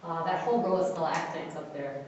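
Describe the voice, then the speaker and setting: A woman's voice: low voice, brisk, darkish tone. A woman working as a tour guide, giving an informal guided tour inside an echoing cave, pointing things out and instructing her group. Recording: echoing cave reverb, distant muffled mic, faint noise.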